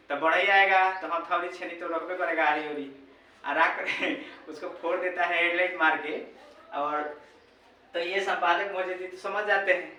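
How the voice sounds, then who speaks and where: A man's voice: high-pitched, sharp tone. A male teacher, retelling a story to students in a chatty way, repeating himself and checking in with his listeners. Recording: very echoey room, voice far from mic, faint background noise.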